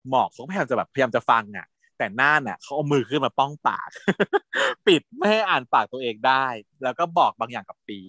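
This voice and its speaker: A man's voice: mid-range voice, pushed and bright, no room sound. A man in casual chat who animatedly retells a TV series, laughing often and acting out quotes.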